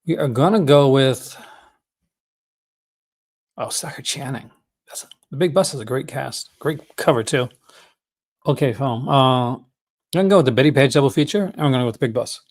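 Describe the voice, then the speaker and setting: Speaking at a normal speed with frequent pauses, a medium-pitched man from Newfoundland, Canada, hosts a vlog about collecting movies. He chats casually and spontaneously, with a folksy, eager manner and his regional accent.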